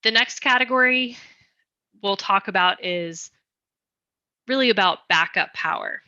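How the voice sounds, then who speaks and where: A woman presenting school design plans at a community meeting, explaining carefully and slowing her pace for translators. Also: medium pitch, bright, forceful tone, no room sound, lo-fi sound.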